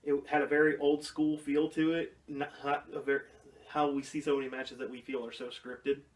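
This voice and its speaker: A man co-hosting a casual wrestling chat, blunt and quick to swear. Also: medium pitch, level tone. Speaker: podcast co-host. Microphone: phone or tablet. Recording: distant phone recording.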